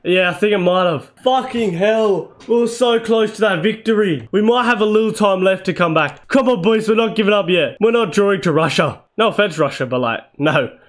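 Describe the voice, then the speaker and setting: A man giving live gameplay commentary, excitable and swearing, yelling at near misses. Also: sits high, fairly quick, hardly any pauses. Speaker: gaming channel host.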